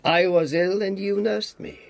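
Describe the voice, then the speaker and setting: In a radio drama, an actor voices a worn-out, sardonic yet fond communist spy who has survived a beating, delivering lines in a theatrical, deliberate, clipped way. His male voice sits high with vocal fry, and the mood here is tender.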